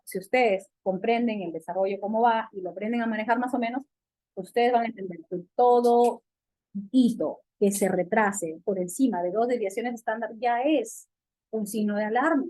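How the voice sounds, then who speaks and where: A woman physician with a Peruvian Spanish accent lectures on medicine. Her voice sits slightly high, and she keeps the talk animated by posing questions and answering them herself. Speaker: physical medicine doctor lecturing on child development.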